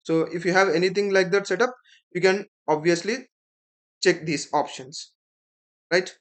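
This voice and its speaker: Walking through a screen tutorial, an Indian-accented man explains each step the way an instructor would. His somewhat high voice is a bit bright, with fairly even intonation and normal speed. He keeps making sure the listener is following, tacking "right?" and "okay" onto the ends of his points.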